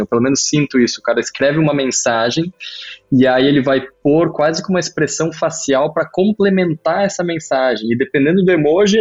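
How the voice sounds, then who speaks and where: A man chatting casually as host, explaining things in an articulate, measured way. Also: medium pitch, a little mellow, highs cut off. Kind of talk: casual chat.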